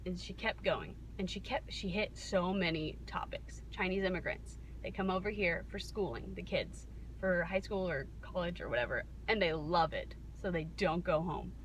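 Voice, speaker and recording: A woman's voice: lowish voice, normal speed. An American woman telling a casual, rambling story to camera, wryly interrupting herself and acting out bits of dialogue, recorded inside a car. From Kansas, United States. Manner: wry, self-interrupting, acting out reported dialogue. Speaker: vlogger. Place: inside a car while driving. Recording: noisy car interior, steady background noise.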